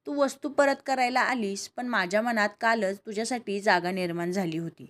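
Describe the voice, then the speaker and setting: Brief: gentle, affectionate elderly grandmother, voiced by a female storyteller. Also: medium pitch, moderate pace, lightly acted. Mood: tender. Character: old grandmother, tender and emotional.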